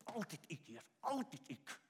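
A man preaching in a church, his voice high for a man and trailing off into a long hall reverb. He is animated, acting out quotes and chuckling as he goes. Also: unhurried, breathy edge. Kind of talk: sermon.

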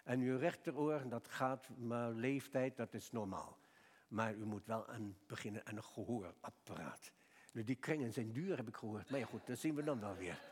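An older man preaching a sermon, telling a lively personal story and acting out both sides of his talk with a doctor. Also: medium pitch, normal speed, slightly rough, long reverb tail.

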